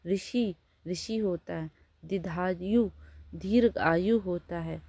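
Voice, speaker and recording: A woman teacher with a fairly low, mellow voice gives a spelling lesson. She says each word, then explains and corrects it patiently. The recording is dry and close. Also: slow, no room sound.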